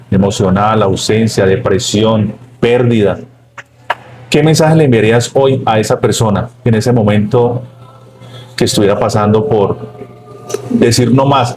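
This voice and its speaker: A man hosting a podcast interview, slowly listing words before he asks his question. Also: fairly low pitch, darkish tone, slight background noise, poor audio. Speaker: podcast host.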